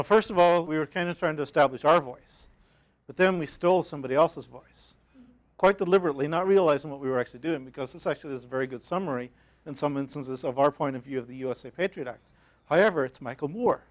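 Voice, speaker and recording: Northern Irish man, librarian giving a conference talk, fairly high voice, measured, poses questions. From Northern Ireland. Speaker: academic librarian presenter. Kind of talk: conference presentation.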